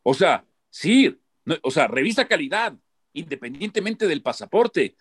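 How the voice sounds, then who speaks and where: A man's voice: on the high side, big pitch swings, a little slow, breathy edge. A man giving heated, emphatic football commentary on a panel, often repeating himself as he argues. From born outside Mexico. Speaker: football pundit.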